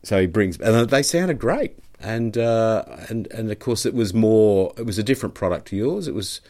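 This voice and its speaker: A man's voice: on the low side, expressive, moderate pace, a little mellow. A man co-hosting a podcast, chatting casually and rambling along with many restarts. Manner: rambling, full of restarts and fillers. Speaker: podcast co-host. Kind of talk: casual chat.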